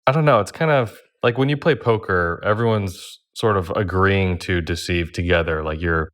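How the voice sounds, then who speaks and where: A man on a casual roundtable, laid-back and quick to laugh. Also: deep voice, fairly bright tone. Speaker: podcast panelist and advantage player.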